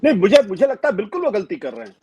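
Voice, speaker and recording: A man speaking as a political commentator in an interview, measured and emphatic, with frequent fillers and restarts. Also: high-pitched, wildly swooping pitch, darkish tone, slight background noise.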